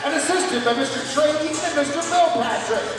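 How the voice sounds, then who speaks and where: A man's voice: very high-pitched, over music, crowd noise. A man working as a stadium announcer over an arena PA, introducing lineups and stretching out names with emphasis. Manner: drawn-out emphatic delivery of names. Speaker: arena public address announcer. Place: large indoor school gymnasium over loudspeakers. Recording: echoing gym PA, distant, long reverb.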